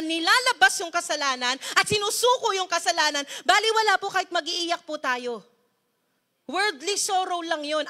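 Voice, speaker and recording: High, bright-voiced woman preaching emphatically. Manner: emphatic, animated preaching with dramatized quotes; addresses listeners directly with rhetorical questions. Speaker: pastor. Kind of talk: sermon.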